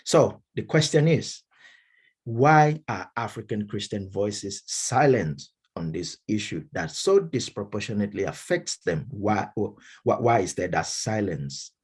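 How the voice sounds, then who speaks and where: Nigerian guy lecturing, kinda husky, lowish voice, stops and restarts a lot. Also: big pitch swings. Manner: measured, with frequent fillers and restarts. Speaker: Baptist minister and speaker. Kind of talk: academic lecture.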